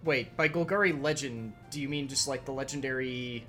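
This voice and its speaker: A man's voice: mid-range voice, a little fast, bright, forceful tone. A man hosting a let's play, chatting casually and rambling, with occasional swearing while he reads game text aloud. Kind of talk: casual gameplay commentary. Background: game music.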